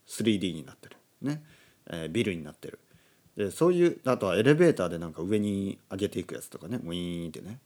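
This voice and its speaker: A man from Oita, Japan, hosting a relaxed solo talk for learners, explaining slowly and glossing words in English. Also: low-pitched. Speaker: podcast host. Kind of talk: casual monologue for Japanese learners. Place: indoors at a table.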